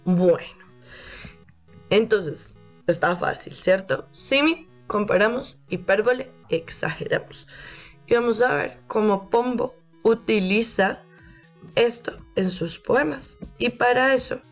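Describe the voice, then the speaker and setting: Woman teaching small children, slightly gravelly. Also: on the high side, slow pace, soft background music. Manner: patient, explains step by step to small children. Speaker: primary school teacher. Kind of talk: online video class for young children.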